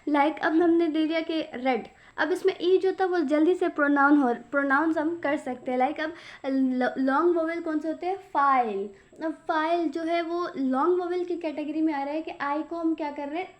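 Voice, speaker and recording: High-voiced woman teaching grammar. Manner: repeats questions to students and answers them; mixes English terms into explanation. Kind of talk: grammar lesson.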